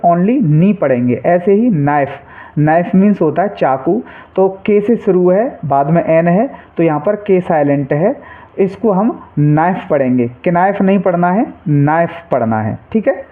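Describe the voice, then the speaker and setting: A man teaching English spelling rules, patient, stating each rule twice and quizzing the learner with short questions. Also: high-pitched. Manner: patient, repeats each rule and asks quiz-style questions. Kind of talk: classroom-style explanation. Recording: tinny phone-like sound.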